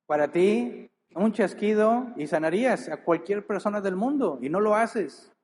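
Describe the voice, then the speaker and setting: A man's voice: high voice, lively intonation, darkish tone. A male pastor preaching a sermon, reading scripture aloud and then pressing the listeners with rhetorical questions, leaning into key words. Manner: earnest, drawn-out emphasis with many rhetorical questions.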